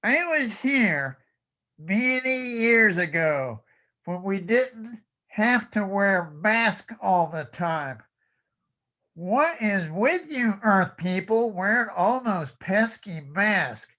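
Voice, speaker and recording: Someone playing a slow, bright-voiced ancient alien. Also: medium pitch, animated. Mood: deadpan. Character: ancient wisecracking alien tourist visiting Earth. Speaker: masked contest speaker. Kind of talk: costumed comic speech.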